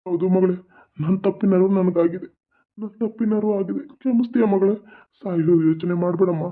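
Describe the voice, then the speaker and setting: A man's voice: high voice, a little fast. A man voicing a repentant middle-aged father-in-law in a cartoon, begging forgiveness. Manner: pleading, remorseful. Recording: tinny phone-like recording.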